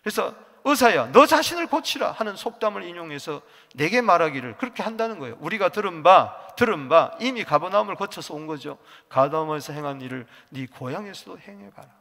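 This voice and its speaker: A middle-aged man preaching a sermon as pastor, emphatic, asking the congregation to repeat lines, swinging from soft to loud. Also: high-pitched, expressive, fairly quick, vocal fry, hardly any pauses. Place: church sanctuary. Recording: long church reverb.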